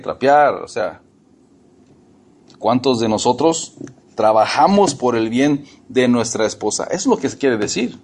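A man preaching at a medium pitch. He speaks emphatically, repeats himself and asks his congregation questions. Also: slightly rough. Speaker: pastor. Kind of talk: sermon.

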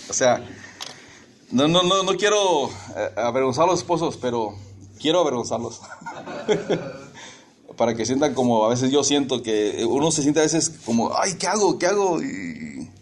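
Joking preacher, mid-range voice. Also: male voice, medium pitch, a little hiss or hum. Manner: joking and conversational, asks the congregation questions. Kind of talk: sermon.

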